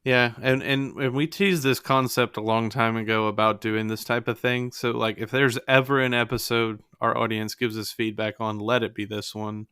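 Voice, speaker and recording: A man's voice: mid-range voice, steady tone, normal speed, hardly any pauses, pushed and bright, clear, resonant tone, no room sound, studio quality. A young man co-hosting a podcast, chatting casually and enthusiastically, rambling with lots of "like". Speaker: podcast co-host.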